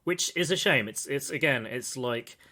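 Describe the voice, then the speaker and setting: A man hosting a film podcast in casual chat, halting and restarting, with animated asides. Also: mid-range voice. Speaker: podcast host.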